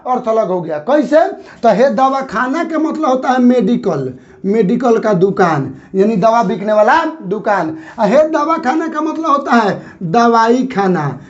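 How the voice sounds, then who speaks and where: A man teaching a grammar lesson, saying example words again and again and slowing on them to show where the pause falls. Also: extremely high pitch, expressive, lo-fi sound.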